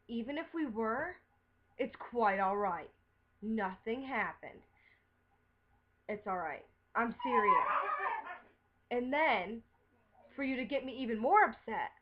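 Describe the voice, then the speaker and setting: Swearing throughout, an upset woman defends herself in a webcam rant aimed at her viewers, sounding as though she was crying not long ago. She's a vlogger with a voice on the high side, captured in lo-fi sound.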